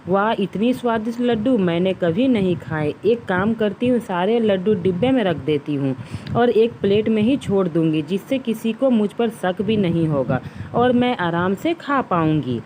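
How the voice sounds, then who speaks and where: A woman's voice: medium pitch, animated, normal speed, noisy background, natural voice. A woman voicing a greedy, scheming younger daughter-in-law in a family storybook tale, with a sly, sneaky manner. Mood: gleeful.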